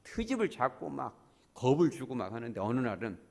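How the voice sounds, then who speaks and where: Animated male pastor telling a story. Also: mid-range voice, a little fast, gravelly. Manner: animated storytelling, sudden loud and soft shifts. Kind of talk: sermon.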